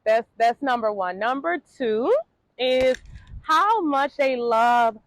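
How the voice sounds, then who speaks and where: A woman's voice: fairly high pitch, lively intonation, takes it slowly. A middle-aged woman from Jamaica who speaks with an American accent, vlogging casually with many fillers and easy laughter. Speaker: travel vlogger. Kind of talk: casual talk to camera. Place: Ghana.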